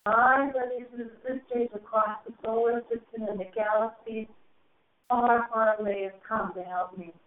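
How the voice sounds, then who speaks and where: A woman channeling a spiritual message to a group, speaking in slow, solemn, drawn-out phrases that swell and soar, heard over a phone call. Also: a little high, fairly even intonation. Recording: tinny phone line.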